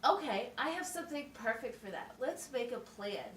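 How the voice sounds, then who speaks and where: Fairly high-pitched, expressive and a bit bright, a woman speaks at normal speed as the schoolteacher in an amateur puppet show. Her tone is encouraging and patient as she explains simply and asks checking questions. The recording has a roomy quality, faint noise, and a distant mic.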